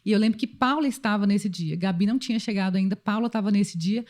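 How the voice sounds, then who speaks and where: A woman in her thirties, a podcast guest, telling a personal story in casual chat with an expressive manner. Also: mid-range voice, quick pace.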